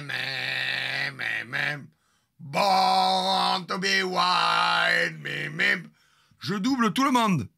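A man's voice: high voice, pushed and bright. A man in his fifties telling a story in a crude, theatrical, jokey way, with asides to his chat. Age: 50s. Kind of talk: casual storytelling.

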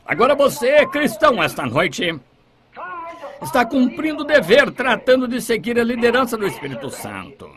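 A man interpreting a sermon, fervent, swinging between hushed lines and shouted cries. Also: very high-pitched, very animated, moderate pace. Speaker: interpreter voicing a preacher's sermon.

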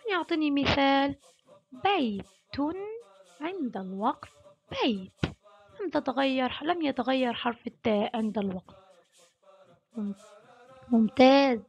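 A woman with a high-pitched voice leads a phonics lesson for young children. She draws each sound out slowly and praises her class often. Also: lively intonation, vocal fry, dull audio. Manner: slow, drawn-out syllable sounding with warm praise. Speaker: kindergarten Arabic teacher.

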